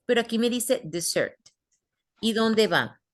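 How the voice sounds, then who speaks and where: A woman's voice: a little high, lively intonation, a little slow. Patient woman teacher explaining step by step. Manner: patient, explains step by step, asks the class questions. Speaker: English teacher. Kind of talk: online class teaching.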